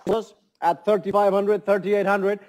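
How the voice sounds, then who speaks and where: A man's voice: sits high, level tone, measured pace, a little mellow. A man working as a fine art auctioneer, calling bids and repeating prices in a polished, courteous patter to a saleroom. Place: saleroom with seated bidders and phone lines.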